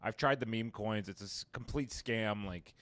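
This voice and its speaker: A man's voice: lowish voice, moderate pace, fairly bright tone. A man hosting an interview over a video call, speaking in a loose, laid-back way with lots of fillers. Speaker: interview host.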